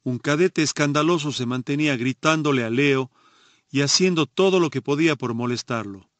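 A man narrating a nonfiction audiobook in a measured, steady reading. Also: medium pitch, no room sound.

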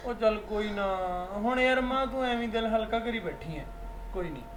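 A man's voice: sits high, normal speed. A man playing a caring, reassuring son. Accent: Punjabi. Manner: reassuring, easygoing. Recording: loud background noise.

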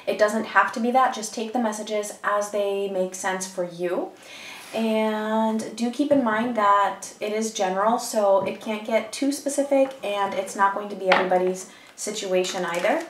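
In a room with noticeable echo, a woman seated at a table delivers a casual tarot reading to camera, meandering and filling gaps with um while her cold leaves her sounding stuffy. Her pitch is medium and her pace moderate. The mic sits some way back from her.

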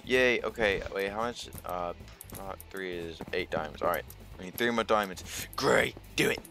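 A woman guesting on a gaming video, bossy and animated as she urges her teammate on. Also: rumbling low, moderate pace, soft background music. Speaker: guest player. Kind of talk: casual gaming chat.

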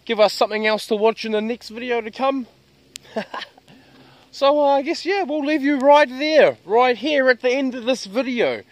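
A man's voice: very high voice, animated, moderate pace, no room sound. A man, chatting casually to a handheld camera outdoors in a rural yard while working on dirt jumps. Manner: laid-back, chatty, self-filming outdoors after digging. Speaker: vlogger building dirt jumps. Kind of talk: casual vlog narration. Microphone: camera held at arm's length.

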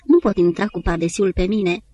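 A woman's voice: lowish voice, steady tone, dark tone, no room sound, lightly acted. A woman reading as a startled, wistful old maestro. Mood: bewildered. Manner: exclaiming, then whispering. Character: aging male conductor, startled and wistful.

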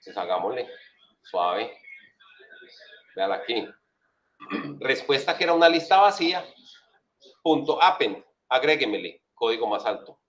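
A man's voice: medium pitch, big pitch swings, unhurried, long pauses, a bit bright. Man, Colombian accent, programming teacher, casual and slangy, keeps asking if students follow. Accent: Colombian Spanish. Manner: chatty, slangy, asks "right?" often. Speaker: programming instructor. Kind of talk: casual screen-share coding lesson.

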